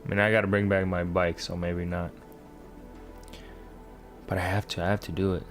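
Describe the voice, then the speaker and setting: A man's voice: low voice, flat delivery, normal speed. A man hosting a gaming video, giving casual, slangy commentary as he thinks aloud. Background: game music.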